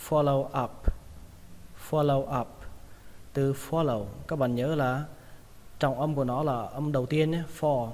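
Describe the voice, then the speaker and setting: A man with a Vietnamese accent teaching English vocabulary, repeating each word slowly several times to model its pronunciation. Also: mid-range voice, fairly even intonation, darkish tone, big-room sound. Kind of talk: pronunciation lesson.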